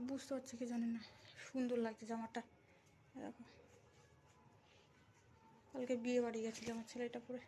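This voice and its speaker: A woman's voice: on the high side, slight background noise. Chatty young woman vlogging from home. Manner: chatty, talks softly while child sleeps. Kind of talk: casual home vlog chat. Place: home, then outdoors in a field.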